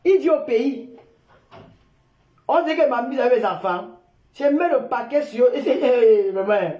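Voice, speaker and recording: An older woman, loudly mocking and insulting someone in a heated, repetitive live-stream rant. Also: on the high side, lively intonation, normal speed. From Cameroon. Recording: echoey room.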